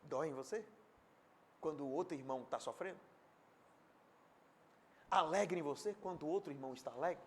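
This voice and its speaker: A man preaching a sermon as pastor, swinging between loud emphasis and hushed asides, and acting out imagined people in quotes. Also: a little high, fairly quick, pauses often, slight background noise. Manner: acts out imagined speakers in direct quotes.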